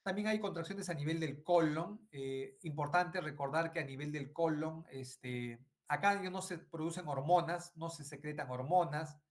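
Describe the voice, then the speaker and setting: A man's voice: on the high side, moderate pace, few pauses. A middle-aged man giving an online medical lecture, repeating phrases and asking "right?" often. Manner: frequent tag questions and fillers.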